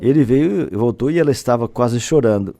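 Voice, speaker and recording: A man preaching a translated sermon and telling a story along the way. His voice is mellow and dark at a middle pitch. He halts and restarts often as he goes. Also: lively intonation, fairly quick, dry recording.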